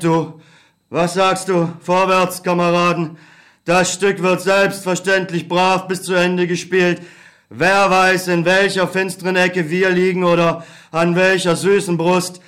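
A man's voice: high voice, fairly bright tone. A man playing a weary, bitter young war returnee, tired and hungry, in a radio play. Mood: resigned. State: exhausted and hungry.

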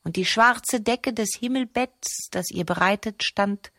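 A woman reading a surreal literary text aloud as narrator, slow and deliberate. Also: mid-range voice, a bit bright, no echo, studio quality.

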